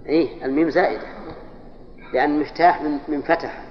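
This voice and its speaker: Brief: male teacher, slightly high voice, quizzing students, dull lo-fi hall recording. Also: steady tone, fast. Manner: explains step by step, quizzes students with "ها؟". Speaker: teacher of Arabic grammar. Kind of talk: classroom lecture on grammar. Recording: echoey hall, dull lo-fi sound, faint hiss.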